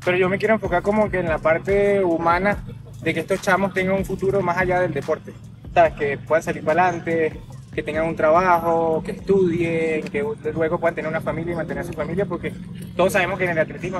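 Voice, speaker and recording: A man's voice: a little high, steady tone, fast, recorded from a distance. A man in his thirties with a Venezuelan accent, a professional runner talking in long, earnest runs at an outdoor stadium. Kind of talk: casual chat. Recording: voice from off the mic, music behind.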